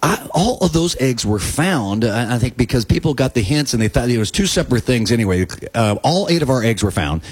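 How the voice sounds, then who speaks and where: An older man hosting a local radio show in a studio, talking in a loose, rambling way. He trips over fillers and restarts as he chats. His voice sits at a middle pitch. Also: lively intonation, a little fast, few pauses, slightly rough. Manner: rambling, hesitant, many fillers. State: not feeling well. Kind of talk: casual morning radio chat.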